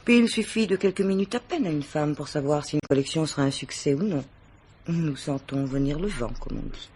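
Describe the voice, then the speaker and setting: In a French radio mystery, an actress with a low, expressive, slightly mellow voice plays a worldly, composed middle-aged married mistress being questioned by police. Her diction is measured and formal, her mood poised and assured, with a little hiss or hum in the recording.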